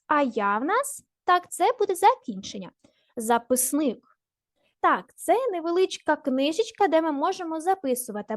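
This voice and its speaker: Slow, high-voiced woman teacher. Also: dry recording, clean studio sound. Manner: slow, deliberate, spelling out word parts. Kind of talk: recorded grammar lesson for children.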